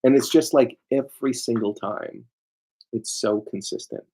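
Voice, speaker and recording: A lawyer presents an informal seminar lecture in a mellow, slightly rough, mid-range voice at a moderate pace. He is emphatic and digressive, often firing rhetorical questions at his listeners.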